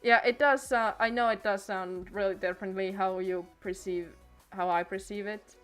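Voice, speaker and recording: A late-teen streamer rambles casually into a desk microphone at home at a normal speed, her steady, clean voice sitting at an ordinary middle pitch. She's hesitant, restarting often and letting thoughts trail off, while faint music plays quietly underneath.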